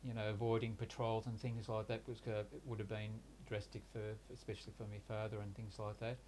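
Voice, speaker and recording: Telling his life story in a reflective interview, this man in his 60s speaks in a flat, even, fairly low voice, hesitant and full of pauses and restarts. Born in Hungary with Hungarian as his first language, he grew up in Australia; a little hiss or hum sits under the audio.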